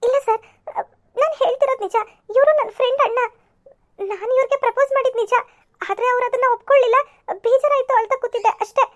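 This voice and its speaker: A woman doing a shrill lovesick cartoon girl. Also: quick pace, highs cut off. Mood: tearful. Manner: pleading, stubborn, tearful. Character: lovesick young woman, stubborn and tearful. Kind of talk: amateur cartoon voice acting.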